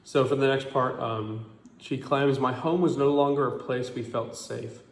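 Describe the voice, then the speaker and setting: A man's voice: medium pitch, fairly even intonation, moderate pace, reverberant. A man in his twenties giving a hesitant statement to camera, with many ums. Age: 20s.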